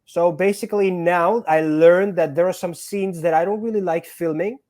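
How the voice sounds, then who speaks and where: A man's voice: high-pitched, steady tone, moderate pace, a little mellow. A man born in Georgia and raised in Greece, a guest actor and stuntman talking casually in an interview, earnest and often repeating words as he finds his phrasing.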